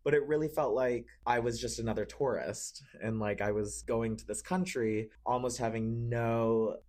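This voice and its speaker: A man's voice: medium pitch, fairly even intonation, normal speed, a little mellow. A young man from Cambodia, a marketing manager interviewed as a guest, talking casually with frequent fillers and easy laughs.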